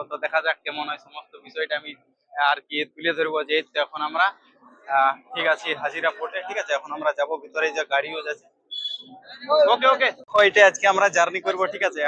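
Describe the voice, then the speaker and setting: Fast, bright-voiced young man vlogging. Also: fairly high pitch. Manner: chatty, guiding, frequent fillers. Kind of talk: casual travel vlog narration. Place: aboard a ferry at a port.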